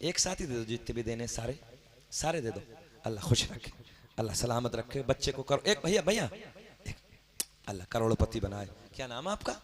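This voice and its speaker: A male preacher giving a devotional sermon to a gathering. He swings from soft talk to loud, impassioned declaiming and keeps urging the crowd to respond. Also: medium pitch, expressive, normal speed.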